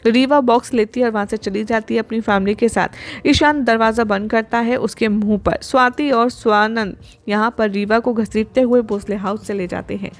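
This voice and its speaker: A woman with a somewhat high voice reads out a scripted recap of a TV serial's latest episode. She keeps a brisk, even storytelling pace and drops English words into her sentences. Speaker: TV serial update narrator.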